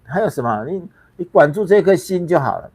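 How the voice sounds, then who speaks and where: A man's voice: fairly high pitch, big pitch swings, brisk, a little mellow, breathy edge, no echo. A man with a Taiwanese Mandarin accent hosting a livestream, blunt and scornful, swearing freely and repeating himself in emphatic bursts. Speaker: livestream host. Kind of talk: ranting livestream commentary.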